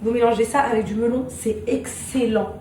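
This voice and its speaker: A woman's voice: fairly high pitch, fairly even intonation, normal speed, warm tone. A woman chatting casually to her viewers in a home vlog, talking to them as girls while she cooks at home. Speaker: vlogger and mother. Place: home kitchen, indoors. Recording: echoey, noisy room, voice far from mic.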